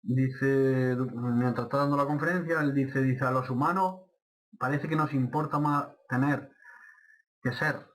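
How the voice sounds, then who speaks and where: A man with a medium-pitched voice speaks as a guest on a casual radio show. He explains his views in a plain, unhurried way, with a few short fillers along the way. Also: low-quality recording. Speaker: radio guest, film commentator.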